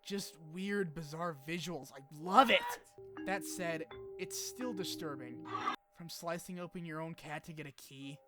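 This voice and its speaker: A man with a slightly high voice takes an unhurried pace through a scripted retrospective of a game. He swears freely, shares strong opinions, and throws in casual asides, with background music underneath.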